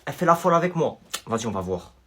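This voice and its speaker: A man's voice: mid-range voice, sing-song, rapid-fire, fairly bright tone. A young man acting out school comedy sketches, playing many characters.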